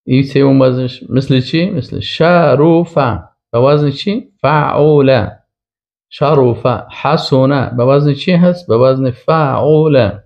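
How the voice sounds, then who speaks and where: A man's voice: mid-range voice, creaky. A male professor giving a classroom grammar lecture. He speaks, asks himself questions aloud and drawls out the example words. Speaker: professor teaching Arabic grammar. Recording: dull lo-fi recording.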